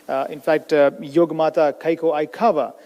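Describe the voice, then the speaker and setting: A man's voice: a little high, fairly even intonation, moderate pace, lo-fi sound. A man moderating a formal event, making polite introductions with some fillers. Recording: hall reverb with faint crowd and noise.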